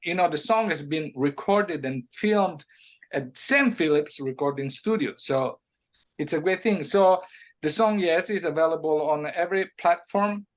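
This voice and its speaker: A man with a noticeable Italian accent and a fairly high speaking voice talks as a guest in a relaxed interview. He stops and restarts often, then rushes forward in animated bursts. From Italy. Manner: halting, many restarts and fillers, animated bursts. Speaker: music producer guest. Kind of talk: casual interview.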